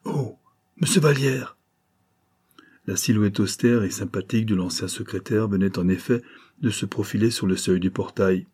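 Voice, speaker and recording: Male narrator, husky, low, warm, classic novel reading. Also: steady tone, fairly quick. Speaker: audiobook reader.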